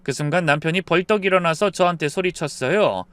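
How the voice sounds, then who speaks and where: A man's voice: fairly high pitch, fairly quick, a bit bright, clean tone, no echo. Subdued man narrating a story.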